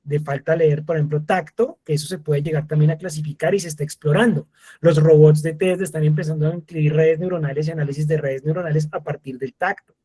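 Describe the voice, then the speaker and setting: A man teaching a live masterclass, animated, who acts out little exchanges with voice assistants. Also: fairly high pitch, fast, husky. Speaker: lecturer.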